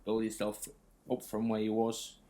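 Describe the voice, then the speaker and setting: A man's voice: fairly low pitch, completely flat delivery, normal speed, warm tone. A young man from the UK, chatting casually and laughing easily as a fitness vlogger. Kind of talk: casual chat.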